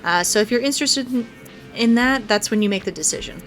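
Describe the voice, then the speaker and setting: Game music plays behind a woman talking a little fast in a slightly high voice. As a gaming video host, she delivers casual let's play commentary, describing aloud what she's doing as she does it.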